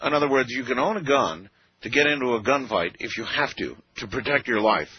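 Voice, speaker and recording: A man hosting a late-night call-in radio show with a smooth radio-host delivery, relaxed and conversational, pausing on "uh" now and then. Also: mid-range voice. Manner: relaxed, conversational, with frequent "uh" pauses. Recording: muffled radio broadcast with faint music.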